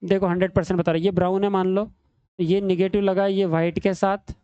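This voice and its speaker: A man's voice: sits high, little pitch movement, brisk, dark tone, clear, resonant tone, no room sound, muffled recording. A man teaching an exam-prep reasoning lesson at a screen, chatty and teasing, calling his students son and brother. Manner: chatty, teasing, calls students beta and bhai.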